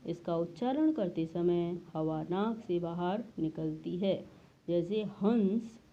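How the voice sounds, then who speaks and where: Slow, deliberate Hindi grammar teacher, woman. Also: on the low side, lively intonation, mellow, slight background noise. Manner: slow, deliberate explanation, drawing out example sounds. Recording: slightly dull lo-fi recording.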